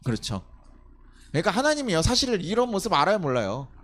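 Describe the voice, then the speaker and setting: A man's voice: sits high, wildly swooping pitch, quick pace. A young man preaching at a night service as pastor, talking with the congregation, asking rhetorical questions and sometimes acting out scolding a child. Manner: acts out scolding a child with loud outbursts. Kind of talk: sermon.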